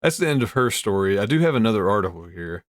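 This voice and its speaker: Male host, lower voice, amused casual news commentary, dry recording. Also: sing-song, fast talker, dry recording. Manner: amused, easily breaks into chuckles. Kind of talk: casual commentary while reading news aloud.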